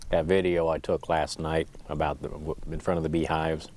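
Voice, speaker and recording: A man's voice: rumbling low, flat delivery, normal speed, a little mellow, slight background noise. A man, perhaps middle-aged, rambles casually in a folksy, easygoing way, speaking into a lapel mic. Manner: folksy, easygoing, chuckles to himself. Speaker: vlogger. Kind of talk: casual, rambling solo chat.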